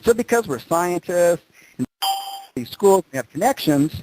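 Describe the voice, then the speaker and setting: A motivational speaker with a high, animated voice delivers a presentation at a moderate pace over a noisy background. He tells stories informally and conversationally, repeating phrases for emphasis.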